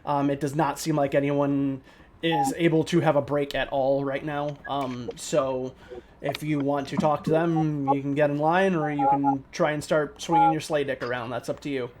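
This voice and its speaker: A man narrating a tabletop game as game master, relaxed and full of ums and likes. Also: a little high, moderate pace, background noise.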